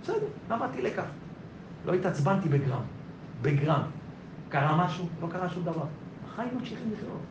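A male rabbi preaches in a high voice, pressing his point by repeating key phrases. He slips into a softer voice to act out everyday exchanges. The room is echoey, with faint noise underneath. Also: big pitch swings, long pauses, muffled recording. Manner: emphatic, repeats phrases, acts out dialogue in soft voice. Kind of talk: sermon.

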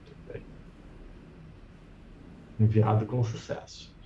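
A man hosts an online book club in a relaxed, chatty way, laughing easily and reading passages slowly. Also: fairly low pitch, a little hiss or hum. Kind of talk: casual live-stream chat. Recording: roomy, muffled lo-fi sound.

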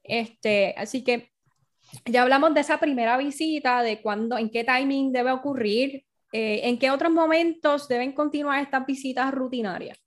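A woman's voice: sits high, moderate pace. A woman podcast host, emphatic and conversational, leaning on frequent filler words as she guides the interview.

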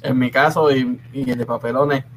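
A man hosting a podcast in casual chat, relaxed and laughing. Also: medium pitch, moderate pace, slight background noise. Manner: relaxed, laughing, profanity-laced. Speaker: podcast host.

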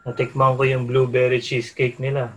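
A man's voice: medium pitch, monotone, normal speed, a bit bright, slight background noise, low-quality recording. A man co-hosting a casual talk show, easygoing and slipping English phrases into his Tagalog. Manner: easygoing, mixes English into Tagalog, laughs often. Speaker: podcast co-host. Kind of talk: casual chat.

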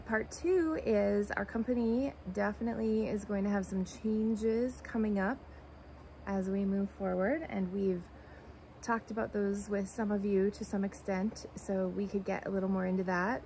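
A woman's voice: mid-range voice, dark tone. A woman co-hosting a podcast in casual conversation, recorded outdoors in a backyard. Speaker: podcast co-host. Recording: outdoor recording with clear background noise.

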